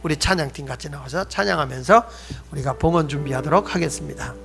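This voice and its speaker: Man, pastor, sermon, high-pitched voice, humorous storytelling, talks straight to the congregation. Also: fast, creaky, music in the background.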